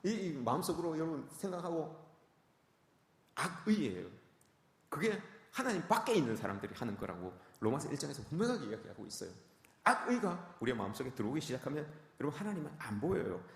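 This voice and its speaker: Male pastor, emphatic sermon delivery, quick and animated, in an echoey sanctuary. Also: on the high side, creaky. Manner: emphatic, repetitive preaching, addressing the congregation often.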